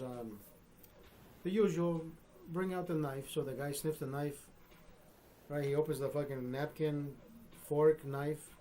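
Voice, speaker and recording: Over slight background noise, a man in his fifties with a fairly high but darkish voice rambles through a long dirty joke for his live-stream audience. He curses freely, laughs between lines, and tacks on "bro" and "right?" again and again.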